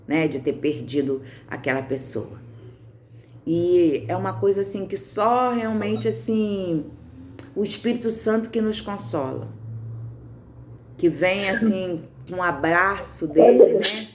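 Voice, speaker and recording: Speaking in a lowish voice over slight background noise, this Brazilian Portuguese-accented preacher gives a devotional sermon in a conversational style. She regularly checks on her audience and responds to what they say as she goes.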